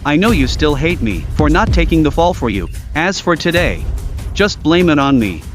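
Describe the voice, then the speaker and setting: An actor playing a scheming, self-pitying young villain in overacted dubbed melodrama. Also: male voice, a little high, big pitch swings, normal speed. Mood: feigned innocence. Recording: music behind the voice.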